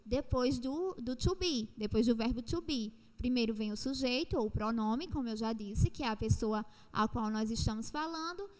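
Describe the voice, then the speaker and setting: A high-voiced woman with a Brazilian Portuguese accent teaches a recorded lesson. She explains patiently, repeats herself and drags out the example sentences. Her voice rings with a long reverb, as if in a bare room. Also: normal speed, hardly any pauses, darkish tone.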